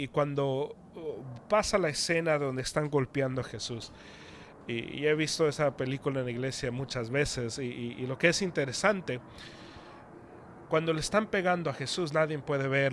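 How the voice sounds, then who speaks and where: A man's voice: mid-range voice, a bit bright, slight background noise. A man preaching a sermon in an earnest, conversational way.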